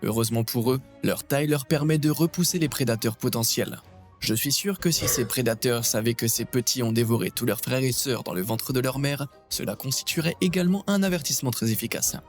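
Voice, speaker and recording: A man's voice: medium pitch, fairly quick, faint music behind. A man reading scripted nature documentary narration, with a wry and playful manner.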